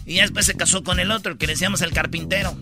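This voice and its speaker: A man's voice: high-pitched, steady tone, racing, music in the background. A man with a Mexican accent hosting a comedic talk show, joking in casual slang. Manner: joking, slangy, with mock-quoted voices. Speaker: show host.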